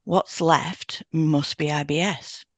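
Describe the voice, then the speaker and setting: Here the same podcast co-host and hypnotherapist reads a scripted educational segment on health, delivering it informatively. She sits low and keeps a steady tone, taking it slowly, with no room sound in the recording.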